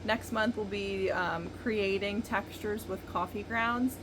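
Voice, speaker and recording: Recording in an indoor basement studio with only a distant camera and no external mic, a woman in her thirties chats casually through a painting tutorial. Her medium-pitched voice is steady and slow, over a noisy background.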